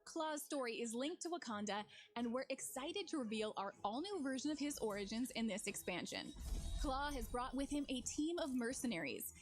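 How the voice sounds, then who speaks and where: Scripted and promotional, this narration comes from a woman acting as a game developer showing off new features. Her high-pitched voice swings widely in pitch at a moderate pace, set against background music.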